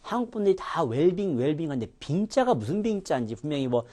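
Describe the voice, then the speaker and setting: Animated male pronunciation teacher. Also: fairly high pitch, fast. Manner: animated, demonstrating sounds with exaggerated contrasts. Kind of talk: recorded lecture.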